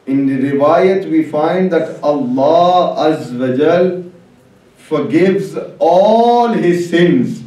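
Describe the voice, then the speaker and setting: A man with a somewhat high, expressive, warm voice speaks slowly, delivering an Islamic sermon to a gathering and pressing listeners with rhetorical questions. He's far from the microphone on a public address system in a religious hall that echoes heavily.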